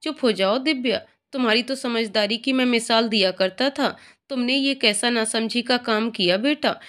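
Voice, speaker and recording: A woman voicing an older father who gently reproaches a young woman in a read-aloud story. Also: a little high, moderate pace, close to an everyday voice. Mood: reproachful.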